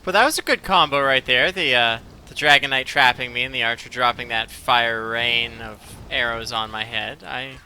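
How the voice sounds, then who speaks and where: A man's voice: mid-range voice, moderate pace, few pauses, sharp tone, slight background noise. A man giving casual, musing let's play commentary, as if talking to himself, close to the microphone. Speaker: gameplay commentator.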